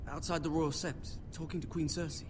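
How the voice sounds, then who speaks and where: A man's voice: a little high, flat delivery, fairly quick, a little hiss or hum, natural voice. A man playing a deferential, kindly young servant boy in a fantasy game, hesitant and respectful. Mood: confiding.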